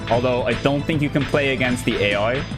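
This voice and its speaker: Over game music, a young Irish man speaks a little fast in a mid-range voice. He rambles cheerfully and casually while streaming gameplay live, his Irish accent clear.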